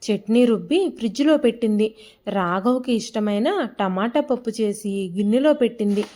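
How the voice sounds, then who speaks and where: Woman, fairly high voice, calm measured storytelling, scripted narration.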